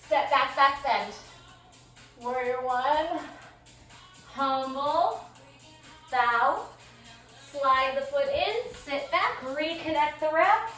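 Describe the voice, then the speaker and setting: Speaking extremely slowly and pausing often, a woman with a high, somewhat bright voice cues a workout class. She sounds winded but upbeat, keeping her calls short in a small space. The audio is echoey and distant, with music in the background.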